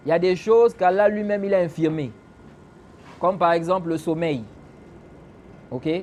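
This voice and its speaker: A man's voice: sits high, normal speed, a little mellow, a little hiss or hum. A man giving a religious lesson in French. He explains a classical text, keeps asking rhetorical questions and answering them himself, and recites Arabic phrases along the way. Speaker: religious teacher.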